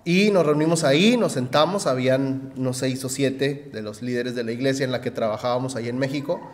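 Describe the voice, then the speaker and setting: A man, preaching a sermon in a conversational way, often adding "¿verdad?" and pausing on fillers. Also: mid-range voice, long reverb tail. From Mexico. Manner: conversational, frequent "¿verdad?" tags and hesitations. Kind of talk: sermon with personal story.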